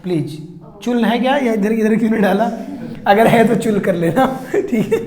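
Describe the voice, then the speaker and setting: A man's voice: high-pitched, normal speed, a little mellow. An Indian man teaching a chemistry class, counting aloud, quizzing the students and teasing them playfully. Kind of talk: classroom lecture. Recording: echoey classroom.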